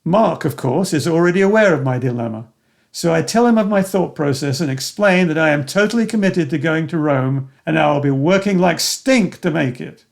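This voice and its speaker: A man's voice: fairly high pitch, animated, normal speed, vocal fry. An older man reading his own memoir aloud in the present tense, earnest and reflective. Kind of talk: scripted first-person memoir narration.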